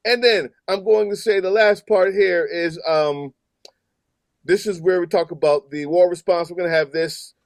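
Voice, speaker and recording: A man's voice: sits high, fairly even intonation, moderate pace, no echo. Rambling podcast host, a man, dry sound. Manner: rambling, with restarts and fillers. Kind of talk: casual podcast chat.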